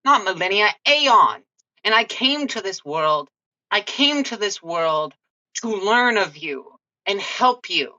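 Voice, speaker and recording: A haughty pony mage from another world with a formal, affronted way of speaking, as a woman puts her on. Her voice is low and bright, heard through a dull, muffled recording. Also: steady tone, moderate pace, dry recording, full character voice. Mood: indignant.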